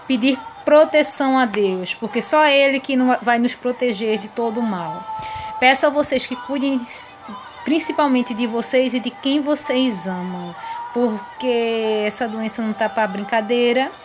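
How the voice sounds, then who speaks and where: A woman's voice: fairly high pitch, normal speed, music in the background. A Brazilian woman teaching a grammar lesson to sixth graders in an affectionate, explanatory way, voicing her pupils' questions herself. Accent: Brazilian Portuguese.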